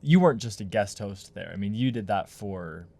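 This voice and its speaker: A man's voice: on the low side, lively intonation, moderate pace, warm tone, no room sound, studio quality. A man co-hosting a casual podcast, dropping joking, wry asides. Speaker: podcast co-host.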